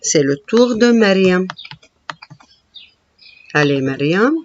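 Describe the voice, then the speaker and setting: A woman teaching a reading lesson, slowly splitting words into syllables and patiently counting letters with her pupils. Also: fairly low pitch, lively intonation, lo-fi sound, a little hiss or hum.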